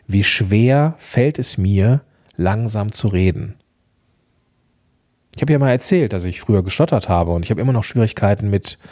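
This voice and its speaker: A man hosting a podcast, giving chatty, encouraging advice straight to the listener and often checking in with a quick "ja?". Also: medium pitch, a little mellow, breathy edge. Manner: chatty, encouraging, addresses listener directly with frequent "ja?". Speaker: podcast host and coach. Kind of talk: casual podcast advice monologue.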